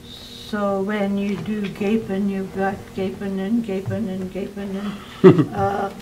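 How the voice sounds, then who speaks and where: A woman giving an informal museum tour as guide, calm and explanatory, pausing to find her words. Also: medium pitch. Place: inside a small museum. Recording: noisy on-location recording, varying distance from mic.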